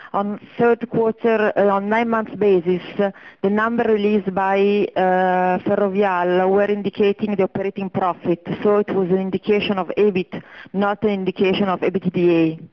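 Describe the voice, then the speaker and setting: A woman executive with Italian as her first language, explaining figures on an earnings call with many hesitations and fillers. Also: mid-range voice. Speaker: company executive. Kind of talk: earnings conference call answers. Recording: muffled conference line.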